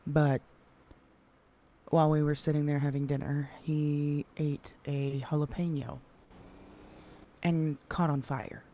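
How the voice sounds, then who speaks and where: A man in an in-character roleplay conversation, speaking in a measured way and sometimes dropping to a hushed whisper. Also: fairly high pitch, little pitch movement, slight background noise. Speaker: roleplay player.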